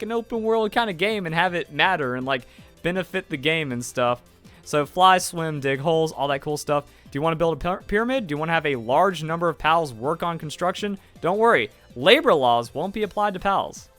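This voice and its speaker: A young man giving casual reaction commentary on a game trailer, rambling with lots of "like" and quick asides. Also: a little high, fairly bright tone. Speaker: gaming YouTuber reacting to a trailer.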